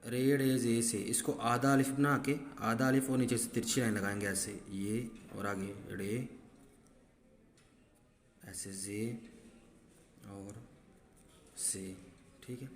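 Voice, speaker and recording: Patient man teaching handwriting, echoey room. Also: mid-range voice. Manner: patient, step-by-step, repeats "ठीक है". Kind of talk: handwriting lesson. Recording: echoey room with faint background noise.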